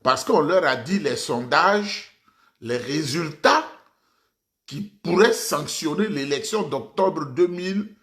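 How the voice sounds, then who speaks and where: A man's voice: a little high, animated, slow, a bit bright. A man from Ivory Coast, giving impassioned political commentary and addressing his audience formally, repeating phrases for emphasis.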